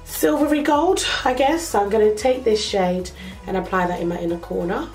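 Soft background music accompanies a young woman's medium-pitched, darkish voice, made nasal by a cold. Filming close to her face in a small bedroom, the makeup vlogger chats slowly through her tutorial one step at a time, using fillers.

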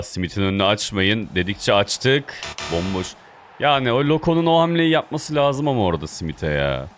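A young man, a gaming video host, giving excitable play-by-play commentary on his own football game, often shouting at his players. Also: lowish voice. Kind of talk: live gameplay commentary.

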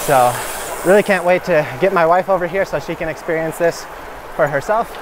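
Riding along a gravel country road, a Michigan man vlogs about cycling in a relaxed, eager, informal way. He speaks a little fast with a fairly high pitch, and background noise can be heard.

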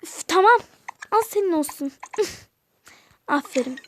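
Woman plays a cold scornful mother in a toy-game story, snappish and insulting, very high voice. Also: lively intonation, a little slow, slight background noise. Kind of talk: toy game role-play voice-over.

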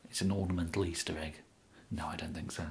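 Whispering close to the mic, a young English man voices a bumbling kidnapper who is apologetic and awkwardly polite, in an ASMR roleplay. His hushed, low, breathy delivery is hesitant and rambling, yet his tone stays steady and matter-of-fact.

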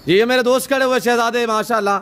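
A man's voice: extremely high pitch, steady tone, fast talker, a bit bright. A man running a farm vlog outdoors, speaking effusively and packing his talk with blessings while he interviews buyers and shows off his animals. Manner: effusive, many religious blessings. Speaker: goat farm owner and vlogger. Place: outdoor goat farm pens.

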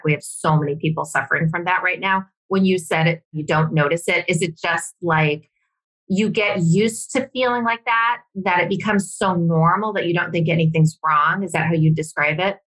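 A woman co-hosts a casual health podcast, chatty and engaged with her guest. Her voice is low for a woman yet bright and forceful in tone. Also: poor audio. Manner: chatty, quick to laugh along. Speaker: podcast co-host.

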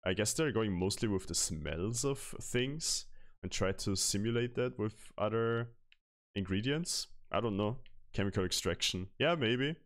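A chatty young man from Austria talks into a headset mic in a small room at home. His voice sits a little low, and he laughs often as he reads out and answers his chat. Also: animated, measured pace. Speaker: streamer. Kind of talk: casual live-stream chat. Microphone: headset microphone.

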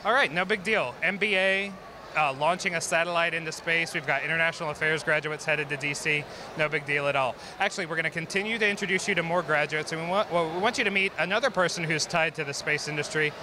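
A man's voice: a little high, quick pace, noisy background. A man interviewing graduates live with an enthusiastic, chatty manner, on a handheld mic in a crowded indoor gym. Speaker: social media manager interviewing graduates.

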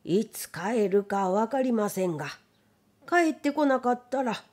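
A woman's voice: a little high, expressive, measured pace, darkish tone. A woman voicing a polite middle-aged man, the master of a house, in a read-aloud folk tale, speaking courteously.

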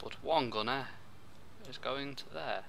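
A young man with a bright, forceful voice plays a co-op strategy game, breaking into quick excited outbursts. His pitch sits in a plain middle range. A faint hiss of noise runs under the recording. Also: gravelly. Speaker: co-op gameplay commentator. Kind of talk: casual gaming chat.

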